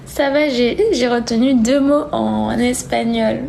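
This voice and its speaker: A young woman's voice, soft-edged and mellow, sits a little high and has a gravelly quality. As a live-stream host, she chats casually, reading and answering viewer comments a little slowly with fairly even intonation and hesitant, trailing phrases, while faint noise hums in the background.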